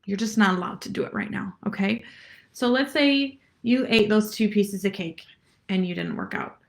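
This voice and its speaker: A woman's voice: mid-range voice, normal speed, gravelly. A woman health coach and trainer, speaking casually and directly to her viewers with frequent laughs. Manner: chatty, addresses viewers directly, laughs often. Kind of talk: casual motivational talk to camera.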